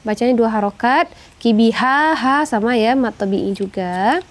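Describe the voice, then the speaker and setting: A woman teaching Quran recitation rules, explaining slowly and singing verses in long melodic phrases. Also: fairly high pitch. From Indonesia. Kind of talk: tajwid lesson with sung recitation.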